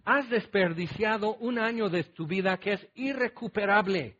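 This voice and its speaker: A man delivers a sermon in a notably high voice, talking to his listeners as if in conversation. He keeps asking rhetorical questions and playfully voicing their objections. The sound is dull and lo-fi, as from a radio broadcast. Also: moderate pace, a bit bright. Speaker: preacher.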